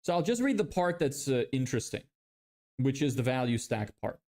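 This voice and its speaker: A Lithuanian man in his twenties, speaking with a Lithuanian accent at medium pitch and a fairly quick pace, hosts a casual live stream. He reads viewer questions aloud and explains sales ideas in a relaxed manner, full of fillers and restarts.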